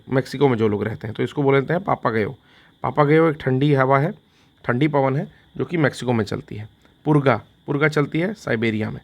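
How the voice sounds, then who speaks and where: A man teaching an exam revision lesson in Hindi, repeating each fact and quizzing himself with a question and its answer, with "theek hai" after each point. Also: medium pitch.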